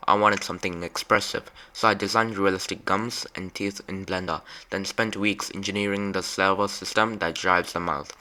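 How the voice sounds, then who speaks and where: A man's voice: deep voice, fairly even intonation, moderate pace, few pauses, pushed and bright. A young man giving a scripted narration as a student presenting a robotics project he built.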